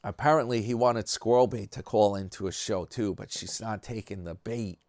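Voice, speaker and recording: A man's voice: on the low side, steady tone, moderate pace, a little mellow, no room sound, studio quality. A man with a New York accent talking in a loose, rambling commentary style, full of fillers and restarts. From New York area. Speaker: commentary vlogger.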